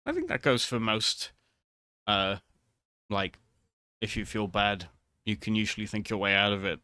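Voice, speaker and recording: A man with a low, clear voice recorded very dry and close. He rambles casually to his viewers as a video creator, bright in tone but hesitant, halting and restarting his thoughts as he goes. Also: very animated, dry recording.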